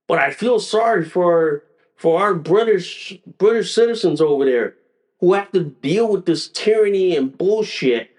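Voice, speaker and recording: High-voiced man ranting on a podcast. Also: lively intonation, unhurried, a little mellow. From United States. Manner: angry, repetitive, stumbling restarts, profane. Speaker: podcast host. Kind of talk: solo political rant.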